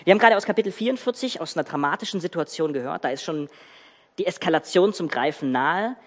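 A preacher giving a sermon, retelling a Bible story with emphatic, animated storytelling and pauses for effect. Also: mid-range voice. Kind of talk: sermon with dramatic Bible reading. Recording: reverberant church hall.

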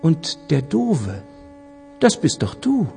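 A scheming neighbor star with a sly, insinuating manner, as a male storyteller puts him on. The voice sits high and swings up and down as he needles and goads. It rings out with a long reverb over faint music. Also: wildly swooping pitch, slow pace, creaky, warm tone, slight background noise, heavily acted. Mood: mocking. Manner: wheedling, insinuating, rising to goading.

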